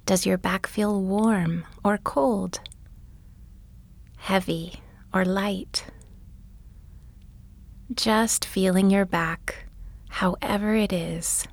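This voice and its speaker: A woman guiding a bedtime body-scan meditation, speaking softly and gently, often in a whisper. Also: medium pitch, fairly even intonation, gravelly. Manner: soft, often whispered delivery; gentle, soothing and unhurried. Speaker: meditation guide.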